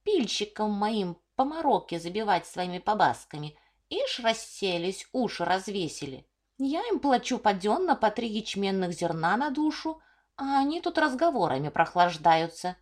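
A woman voicing an old, fat, stingy female ground beetle in a storybook reading, squeaky and scolding. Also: sing-song, moderate pace. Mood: hissing.

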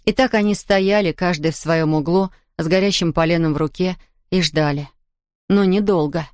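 Calm woman narrating a storybook, dry. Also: lowish voice, normal speed, smooth, no echo. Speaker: audiobook narrator. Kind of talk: scripted narration.

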